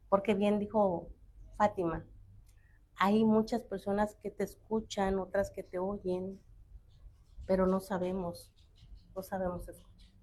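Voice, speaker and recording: A woman's voice: mid-range voice, a little mellow. A middle-aged woman on a talk show panel, telling a family story and acting out the quoted dialogue. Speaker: panel guest.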